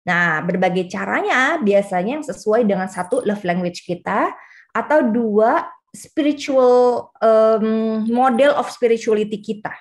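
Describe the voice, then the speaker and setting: A woman pastor in her late forties preaches to young people in a loose, conversational way. Her voice sits a little high, and she fills her talk with fillers and personal stories. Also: measured pace. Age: 40s. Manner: chatty, personal storytelling with frequent fillers. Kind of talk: youth fellowship sermon.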